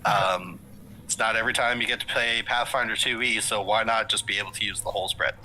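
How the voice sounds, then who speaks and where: Bright-voiced male game master rambling. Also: lowish voice, fairly even intonation, a little fast, slight background noise, rough recording. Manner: rambling, lots of fillers and self-corrections. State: hiccuping. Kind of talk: casual session-zero chat with players.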